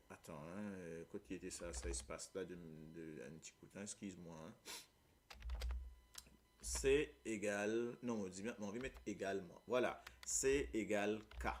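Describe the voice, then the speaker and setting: A man's voice: low-pitched, a little hiss or hum. A man with a Mauritian accent teaching a Creole lesson, explaining patiently and often checking that his listeners follow. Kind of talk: live language lesson.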